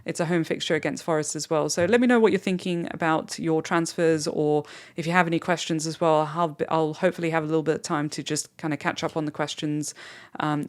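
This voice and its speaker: A fantasy football channel host rambling off the cuff, thinking aloud and talking straight to listeners in a solo podcast. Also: mid-range voice.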